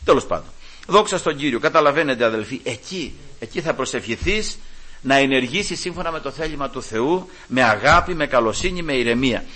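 Fervent husky-voiced preacher man. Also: medium pitch, expressive. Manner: fervent, keeps calling out to his brothers; drops to quiet asides then rises to loud emphatic peaks. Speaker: Pentecostal preacher. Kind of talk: sermon.

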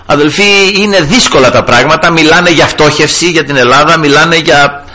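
A man's voice: a little high, bright, forceful tone. A man preaching an evangelical sermon, fervently repeating "brothers" and "glory to the Lord" as he tells a personal story.

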